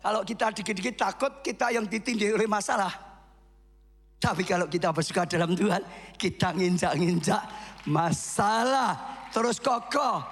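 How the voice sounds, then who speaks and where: A man preaching a sermon as pastor, swinging from quiet asides to shouted exhortation. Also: sits high, big-room sound.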